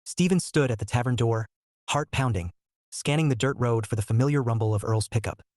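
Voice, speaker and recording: A man narrates a romantic short story in a steady, measured way. His voice sits in an ordinary middle range, recorded close and dry with no room sound. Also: mid-range voice, no room sound.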